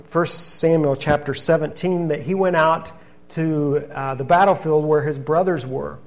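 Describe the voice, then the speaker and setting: A man preaching a sermon, reading scripture passages in an earnest, steady teaching manner. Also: fairly high pitch.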